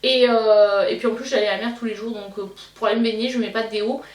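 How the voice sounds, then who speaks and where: A young Belgian woman with a Belgian French accent, chatting casually as a beauty vlogger and pausing often with fillers and restarts. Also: fairly high pitch, fairly even intonation. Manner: hesitant, many fillers and restarts. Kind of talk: casual chat. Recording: roomy, slightly distant mic, faint noise.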